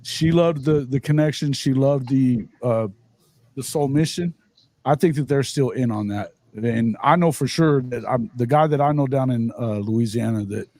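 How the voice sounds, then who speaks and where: Male podcast guest, casual and chatty, mid-pitched, dry close sound. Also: warm tone, dry recording. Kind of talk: casual sports chat.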